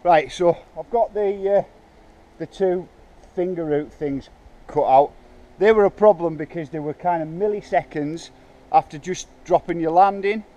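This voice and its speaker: Chatty outdoor vlogger, a man with a slightly high voice, talks to camera while working, hesitant and offhand. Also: mellow. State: out of breath. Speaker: bike park builder. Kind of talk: casual vlog narration. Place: outdoors in woods.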